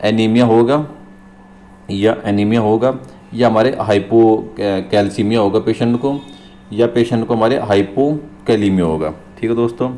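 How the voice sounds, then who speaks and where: A man with a low, mellow voice works through nursing exam questions. He reads the English question slowly, then explains it in Hindi, repeating key terms and checking in with viewers as friends. A faint hiss sits under the recording. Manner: addresses viewers as friends, frequent "theek hai" check-ins.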